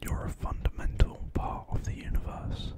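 A man in his twenties gives a whispered, gentle and reassuring pep talk in a breathy, rambling ASMR style, close to the microphone. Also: normal speed. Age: 20s. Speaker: ASMR creator. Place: small quiet bedroom. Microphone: close large studio microphone on desk.

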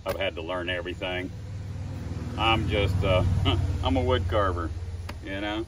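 Talking casually to a phone camera set at a distance, a man in his sixties who carves wood spins folksy tales in an outdoor wood yard and chuckles at his own expense. His voice is low-pitched and his pace measured. He sounds slightly off-mic, and faint outdoor noise comes through.

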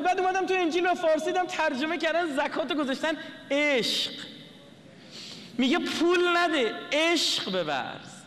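A man's voice: very high-pitched, a bit bright, in a large hall. A man lecturing to an audience, explaining a script letter by letter and asking the listeners questions.

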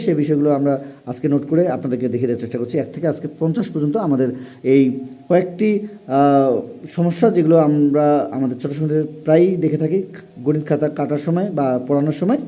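A man teaching a lesson at a fast clip, his voice somewhat high yet very dark and mellow. He explains formally and repeats points, with many pauses between phrases. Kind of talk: classroom lesson for parents and young pupils.

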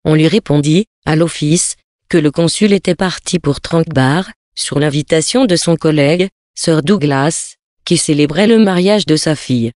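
Measured storybook narrator, dry sound. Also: mid-range voice, a little mellow, no room sound. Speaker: audiobook reader. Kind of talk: scripted narration of a classic tale.

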